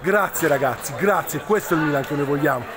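A man's voice: a little high, fast. A man in his forties with a Neapolitan accent, ranting and chanting as a football fan in coarse, taunting street slang. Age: 40s. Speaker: football fan filming himself. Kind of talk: ranting, chanting selfie vlog. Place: busy city street at night, outdoors. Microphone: phone at arm's length. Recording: noisy street crowd, handheld phone.

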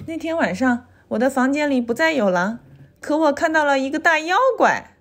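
A woman reading a children's picture book aloud in a clear, expressive storytelling delivery. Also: high-pitched, normal speed.

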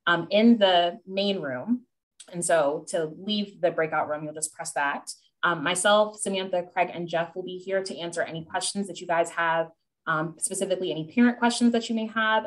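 A woman on admissions staff explaining breakout rooms on a video call, with many filler ums. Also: fairly low pitch. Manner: many ums, friendly and organized.

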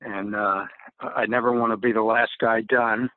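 A man's voice: lowish voice, flat delivery, moderate pace, no echo. A man, a race team mechanic, talking as a podcast guest over a remote call, answering with many fillers and restarts. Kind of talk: casual interview answers. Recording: tinny phone line.

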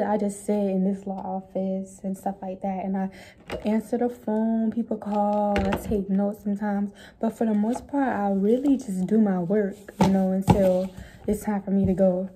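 A woman's voice: mid-range voice, warm tone, breathy edge. A young woman, a college student, vlogging her day around campus in a chatty, slangy way, talking straight to her viewers. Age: young adult. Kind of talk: casual vlog chat. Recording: noisy campus background.

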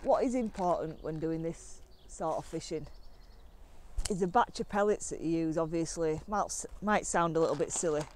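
A young woman chatting casually to camera while fishing outdoors on a lakeside bank, excitable and relaxed. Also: low-pitched, moderate pace, slight background noise. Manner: chatty and excitable, talking to camera between catches. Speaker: angling vlogger.

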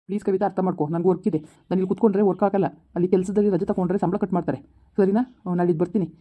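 An actor playing an irritable young newlywed husband who complains fast and heatedly in a village family drama. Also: male voice, sits high, fairly even intonation, phone-quality sound. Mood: angry. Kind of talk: everyday village drama acting.

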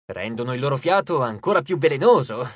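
A man's voice: medium pitch, animated, brisk, slightly rough, no echo, clean studio sound, pitched below the performer's own voice. A man voicing a haughty, capricious male god who lectures and scorns, in an audiobook character reading with a breezy, dismissive manner. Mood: lecturing.

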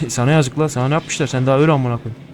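In rapid-fire speech with fairly even intonation and a medium pitch, a young male gaming streamer narrates horror gameplay. He stays jittery and profane, cracking jokes to himself and cursing often, with slight background noise behind him.

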